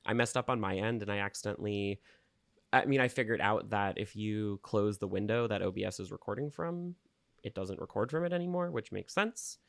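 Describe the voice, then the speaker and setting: Low gravelly man chatting casually. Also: brisk, a bit bright, dry recording. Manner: chatty storyteller. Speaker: podcast co-host. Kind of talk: casual chat. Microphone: home computer recording setup.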